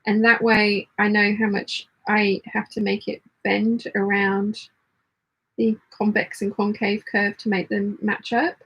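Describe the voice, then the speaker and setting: A woman hosting a casual live sewing hangout, talking through her work and chatting along, with a slightly husky voice. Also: medium pitch, flat delivery, a little slow, fairly bright tone, rough recording. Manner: muttering commentary while working; reads chat messages aloud. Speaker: sewing livestream host.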